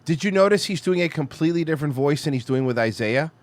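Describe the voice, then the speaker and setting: A man's voice: fairly high pitch, expressive, fast talker, background noise. A man co-hosting a crude comedy podcast, mocking and swearing as he reacts to a video. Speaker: podcast co-host.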